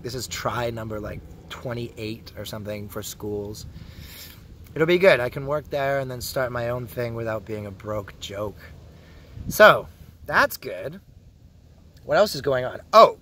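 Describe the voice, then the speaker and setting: A man's voice: medium pitch, fairly bright tone, slight background noise. A Canadian man with a Canadian English accent ranting casually to camera, swearing often and telling his story with heavy sarcasm. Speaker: vlogger.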